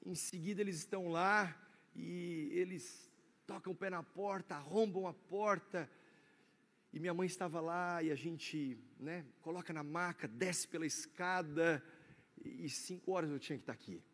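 A Brazilian pastor delivers his sermon in a high, ringing voice. He swings between loud proclamations and hushed, intimate asides. The sound carries the long reverb of a church hall. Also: moderate pace.

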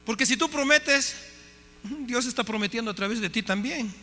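A man, a pastor, telling a story in a sermon with lively acted-out dialogue. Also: very high voice, moderate pace, soft background music. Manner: animated storytelling, acting out dialogue. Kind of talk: sermon testimony. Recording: hall reverb, faint hum.

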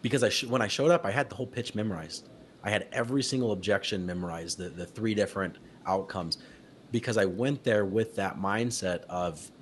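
A young adult man from Utah, a company founder as interview guest, telling his story in casual talk, lively and laughing often, acting out what people said. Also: fairly low pitch, a little hiss or hum. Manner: animated, laughs often, acts out quotes.

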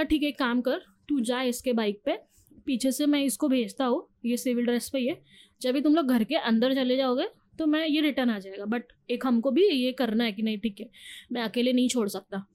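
A woman's voice: sits high, a little mellow. A young woman, a podcast guest telling a personal story with emotion and acting out what others said. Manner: emotional, mixes English into Hindi, acts out quotes.

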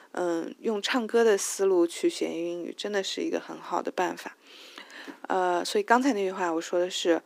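A woman's voice: medium pitch, creaky, no room sound. A woman with a Chinese accent, native Chinese speaker, hosting a casual spoken English lesson, thinking aloud with many fillers and restarts and singing out stressed syllables to show rhythm. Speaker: host of language tips show.

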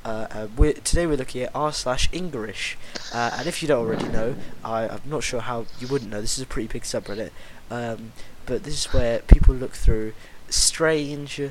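A man's voice: medium pitch, normal speed, few pauses. A man hosting a casual podcast, rambling with lots of fillers and restarts. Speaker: podcast host. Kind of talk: casual chat. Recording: loud background noise.

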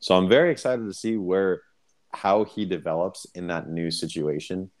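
A man hosting a casual fantasy basketball podcast, excitable, repeating his words and swearing freely. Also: sits low, normal speed. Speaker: podcast host.

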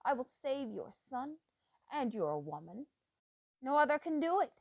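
A feverish, obsessive old doctor, as a woman reads him, speaking low and slow with a dry, close sound. His intense murmur breaks without warning into loud, heated bursts. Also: very animated, no room sound, heavily acted. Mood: menacing, obsessive.

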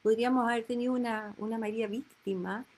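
A woman's voice: a little high, steady tone, fast, a little mellow. A woman hosting an interview, reacting briefly and reflecting thoughtfully. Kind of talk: casual interview chat.

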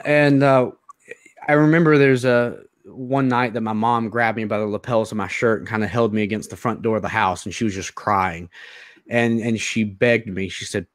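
Earnest halting man, dry close sound. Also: fairly low pitch, no echo. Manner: earnest, halting, repeats words often. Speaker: interview guest. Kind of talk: personal testimony in an interview.

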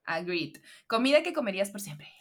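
Bubbly fast-talking young woman host. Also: medium pitch, big pitch swings. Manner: bubbly, laughs often, fast talker. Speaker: podcast host. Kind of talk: casual chat, quick-fire questions.

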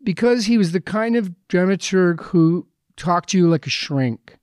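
A man's voice: high voice, animated, moderate pace, a little mellow, smooth, no room sound. A man, a playwright guest, telling long rambling anecdotes with many self-interruptions. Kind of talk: conversational storytelling.

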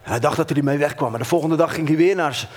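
Man preaching in animated storytelling. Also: a little high. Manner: animated storytelling with dramatic pauses. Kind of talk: sermon.

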